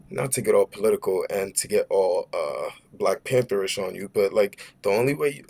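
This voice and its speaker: A young man with a New York accent tells a story straight to camera, his voice sitting at an ordinary pitch. He rambles and restarts often, leaning on "like" and "bro" as he goes. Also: slightly rough. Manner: rambling, heavy use of "like", "bro" and "right?"; animated, frequent restarts. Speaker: vlogger. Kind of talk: casual storytime monologue.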